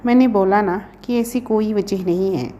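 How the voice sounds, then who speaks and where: A woman's voice: mid-range voice, normal speed, warm tone, a little hiss or hum, natural voice. A woman reading a storybook, voicing a shy young female student who teases the man she loves. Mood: curt. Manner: shy, teasing.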